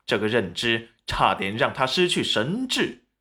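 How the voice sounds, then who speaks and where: A man narrating a web novel audiobook in a dramatic, animated manner. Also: medium pitch, a little slow.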